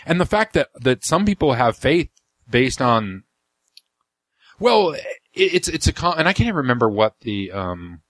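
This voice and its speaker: A man's voice: mid-range voice, sing-song, normal speed, a bit bright, dry recording. A man hosting a podcast, reading out passages of a talk and commenting on them bluntly and sardonically, with frequent ums and restarts. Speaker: podcast host.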